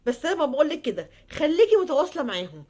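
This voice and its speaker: An Egyptian woman speaking in a heartfelt, pleading monologue before giving advice, repeating herself and trailing off into soft murmurs. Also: high voice, very animated, rapid-fire. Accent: Egyptian Arabic. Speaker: advice vlogger.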